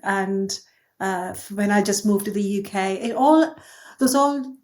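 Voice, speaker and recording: Speaking thoughtfully and candidly on a podcast, this Indian agency co-founder reflects on things in conversation and laughs lightly now and then. Her voice is mid-range with a darkish tone, and she talks a little slowly.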